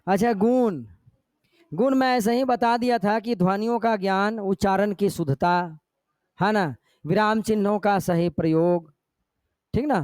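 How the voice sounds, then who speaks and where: A man's voice: high voice, a little slow, darkish tone, clear, resonant tone, dry recording, clean studio sound. A male teacher giving a classroom lecture, explaining step by step and often checking in with his students. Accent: Jharkhand Hindi.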